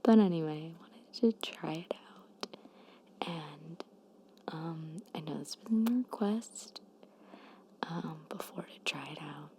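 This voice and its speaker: An ASMR creator chats hesitantly and informally in a breathy, slightly hoarse near-whisper, rambling and reading facts in a soft-spoken, self-conscious way. Her voice is low and slow, picked up at close to moderate mic distance with a little hiss or hum.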